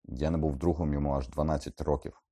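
A man voicing a calm, weary adult teacher in an audiobook reading, speaking in a measured way. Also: a bass voice, slightly rough. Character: calm weary grown male teacher, a werewolf. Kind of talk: audiobook character voice.

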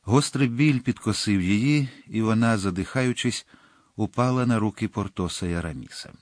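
A man's voice: on the low side, no echo. Man reading a story aloud, dry close sound. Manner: measured, dramatic reading. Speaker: narrator. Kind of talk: audiobook narration.

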